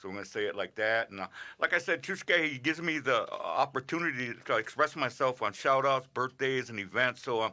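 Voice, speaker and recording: Bright-voiced man rambling through radio shout-outs. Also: medium pitch, animated, brisk, hardly any pauses. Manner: rambling, many filler sounds. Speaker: regular radio segment host. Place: radio studio.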